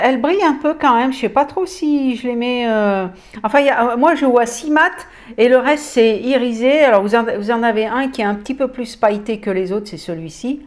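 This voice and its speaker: A woman casually showing makeup palettes on her channel, hesitant with many fillers and enthusiastic about the colors. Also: fairly high pitch. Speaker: beauty vlogger. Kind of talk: casual product haul chat.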